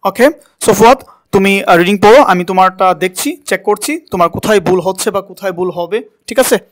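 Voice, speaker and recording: A man's voice: high voice, quick pace, slight background noise. A man teaching a spoken English class, asking a student to repeat words and correcting how they are said. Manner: coaching pronunciation, asks and repeats words.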